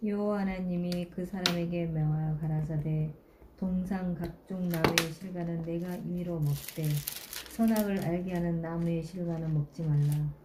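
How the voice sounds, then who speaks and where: A woman's voice: on the low side, steady tone, normal speed. A woman in a Bible study group, reading scripture aloud. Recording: roomy room, faint noise.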